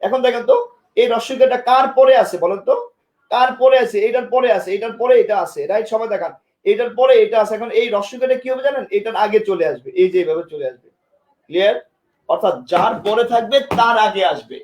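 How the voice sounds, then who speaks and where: A man's voice: high-pitched, fast talker, a little mellow, echoey room. A man with a Bangladeshi Bengali accent teaching a live exam-prep lesson, repeating points and quizzing students with questions. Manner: emphatic, urges attention.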